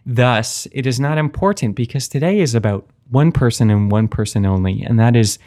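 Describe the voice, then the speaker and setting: A man with a medium-pitched voice hosts a comedy podcast. He moves between scripted announcer lines and casual asides, often interrupting himself. His delivery is playful and wry. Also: normal speed, dark tone. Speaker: podcast host. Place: basement away from usual home setup.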